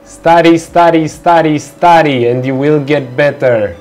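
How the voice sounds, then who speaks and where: Young Romanian-accented male streamer, unhurried chatty delivery, headset mic, light music bed. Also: on the high side. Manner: chatty, reads out and answers viewer chat, relaxed unhurried, filler-heavy. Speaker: livestream host. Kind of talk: casual live-stream chat while 3D modeling.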